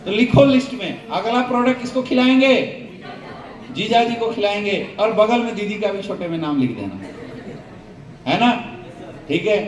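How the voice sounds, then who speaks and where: A man giving a sales training talk to an audience, quizzing the crowd with call-and-response questions. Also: sits high. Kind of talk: motivational seminar talk to an audience. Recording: echoey hall, mic from a distance.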